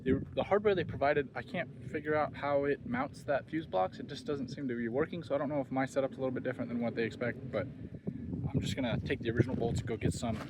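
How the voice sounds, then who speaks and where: Offhand man talking through loud wind noise. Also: mid-range voice, fast. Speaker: DIY car restoration vlogger. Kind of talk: casual narration while working. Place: working on a car, windy outdoors. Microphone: phone. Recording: windy, noisy phone recording. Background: loud wind noise, clicks.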